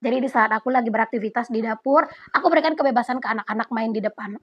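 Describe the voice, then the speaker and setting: Relaxed, chatty young woman vlogger. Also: fairly high pitch, rapid-fire, breathy edge. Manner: relaxed, chatty, often addresses viewers directly. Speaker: vlogger answering viewer questions. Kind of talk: casual Q&A chat. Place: home. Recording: dull lo-fi audio.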